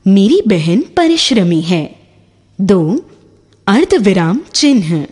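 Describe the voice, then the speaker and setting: A woman narrating a scripted grammar lesson, reading example sentences slowly and deliberately. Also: mid-range voice, a little mellow, slightly rough. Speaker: teacher narrator.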